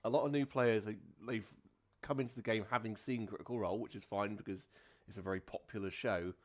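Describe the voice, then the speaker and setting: A man's voice: lowish voice, fairly even intonation, fast talker. A man hosting a casual tabletop gaming podcast as the dungeon master, rambling with many fillers and restarts.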